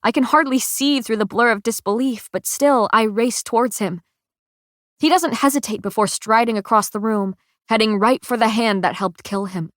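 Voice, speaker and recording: A woman narrating a first-person audiobook in a slow, measured, emotional reading on a close studio mic. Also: a little high, a bit bright, dry recording.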